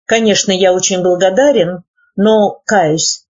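A woman's voice: medium pitch, unhurried, a little mellow, slightly rough. A woman reading the lines of an earnest, proud young man, formal in speech, in a dull lo-fi recording. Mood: firm. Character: earnest young male nephew, proud and idealistic.

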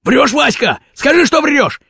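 A man voicing a gruff, heavyset male thug who barks rough threats in a story reading. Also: very high-pitched, lively intonation, moderate pace, fairly bright tone, dry recording, studio quality, pitched above the performer's own voice, full character voice. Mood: angry.

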